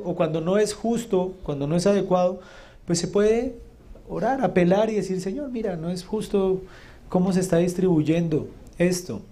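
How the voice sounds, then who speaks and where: This is a man explaining scripture to his listeners. His voice sits a little high yet stays soft and mellow. He keeps it conversational, posing rhetorical questions and then answering them himself. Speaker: Torah teacher. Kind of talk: religious teaching talk.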